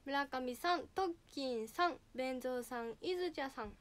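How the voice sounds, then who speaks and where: A teenage girl idol with a high, slightly nasal voice talks fairly quickly on a livestream. She chats casually, reads out viewer names and offers bright greetings.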